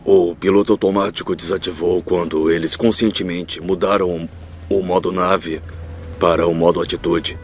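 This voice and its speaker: A male actor voicing a measured crash expert in a dubbed interview, with a Brazilian accent. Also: low voice, level tone, a little hiss or hum, natural voice.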